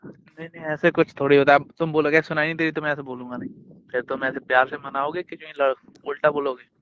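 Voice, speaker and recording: A man's voice: on the high side, little pitch movement, quick pace, a little hiss or hum. A man on a casual romantic phone call, coaxing and playful as he keeps insisting. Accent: Hindustani. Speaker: boyfriend on a call. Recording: muffled phone call recording.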